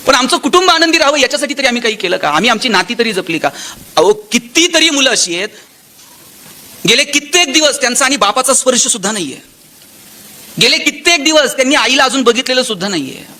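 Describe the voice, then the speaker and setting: A motivational speaker from Maharashtra, telling anecdotes and acting out the dialogue. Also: male voice, extremely high pitch, quick pace. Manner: animated storyteller, acts out dialogue with shifting tone.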